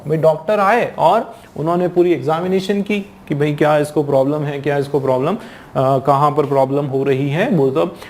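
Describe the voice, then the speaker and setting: A male teacher giving an exam-prep lecture. He reads English lines slowly, then explains them in lively Hindi and acts out the story with exclamations. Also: fairly high pitch, a little hiss or hum.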